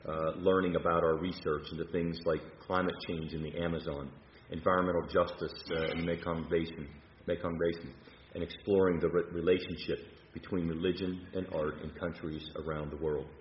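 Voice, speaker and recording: A man, a university leader, delivering a measured prepared speech with occasional fillers and restarts, from a podium in a large hall. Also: low-pitched, little pitch movement, a little hiss or hum. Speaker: university president. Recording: roomy, dull hall recording.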